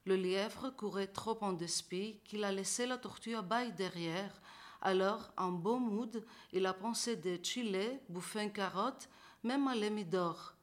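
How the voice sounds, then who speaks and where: A woman's voice: medium pitch, unhurried. A woman, a student reader, reading a fable aloud in street slang. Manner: plain reading, slang-filled.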